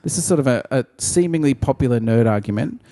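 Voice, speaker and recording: A man's voice: mid-range voice, expressive, fast talker, dark tone, no room sound, studio quality. A man co-hosting a casual podcast, joking and swearing freely. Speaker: podcast co-host. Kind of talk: casual chat.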